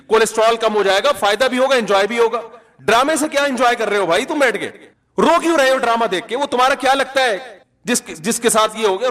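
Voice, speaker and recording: High-voiced Pakistani preacher man. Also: a bit bright. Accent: Pakistani Urdu. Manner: conversational, rhetorical, prods the crowd with questions. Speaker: Islamic preacher. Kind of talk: Urdu sermon to an audience.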